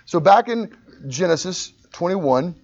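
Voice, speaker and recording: A man's voice: high-pitched, lively intonation, unhurried, darkish tone, muffled recording. A man preaching a sermon in a conversational, self-deprecating way, often restarting and acting out little quotes. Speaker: pastor.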